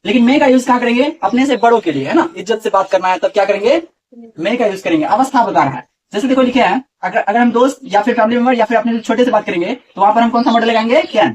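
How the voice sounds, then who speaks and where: A man's voice: very high voice, quick pace, slightly rough, far from the mic. Male teacher quizzing a class. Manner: asks the class questions and repeats the answers. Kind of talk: classroom grammar lesson.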